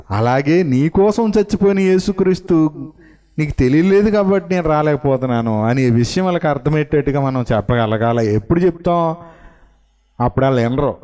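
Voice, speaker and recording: A male pastor preaching a sermon, posing questions to the congregation and answering them himself, and reading scripture slowly. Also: a little high, dark tone. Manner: reads scripture slowly and solemnly.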